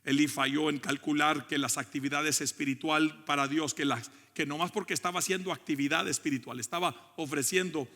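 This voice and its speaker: Middle-aged male pastor, forceful preaching with congregational asides, big church echo. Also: fairly high pitch, fairly even intonation, fairly quick, hardly any pauses. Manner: preaching with call-and-response asides, switching into English. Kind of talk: bilingual church sermon. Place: church sanctuary. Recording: long church hall reverb.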